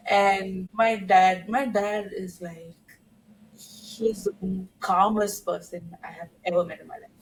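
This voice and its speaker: A woman's voice: medium pitch, flat delivery, slow, breathy edge, rough recording. A woman in her thirties, a podcast guest from India, telling a story in casual conversation and laughing now and then.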